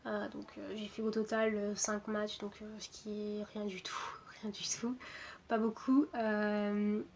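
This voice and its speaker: Young woman from portugal, footballer, talks kinda flat with lots of uh and restarts, bit of hiss behind. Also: medium pitch, measured pace. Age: 20s. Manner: hesitant, many fillers and restarts. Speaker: footballer interviewed. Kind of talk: casual self-introduction to camera.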